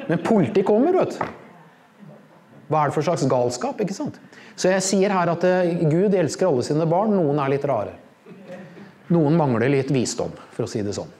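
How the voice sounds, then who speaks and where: A man's voice: fairly high pitch, darkish tone, slight background noise. A man giving informal Bible teaching, telling anecdotes in a rambling way with many fillers and tag questions.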